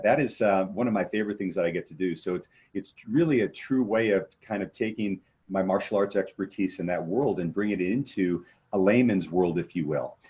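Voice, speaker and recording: This man's low, slightly mellow voice has its highs cut off. He's an interview guest who works as a motivational coach and martial arts trainer, explaining things conversationally and asking rhetorical questions.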